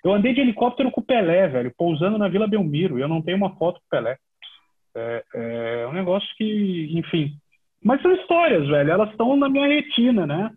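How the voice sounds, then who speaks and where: A middle-aged Brazilian man tells his stories in an easy, rambling way, with plenty of fillers. His voice sits a little high and sounds husky. It comes through a thin, phone-like line. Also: fast talker. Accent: Brazilian Portuguese. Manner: relaxed, chatty, many fillers. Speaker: guest, TV sports reporter. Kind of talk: casual podcast storytelling.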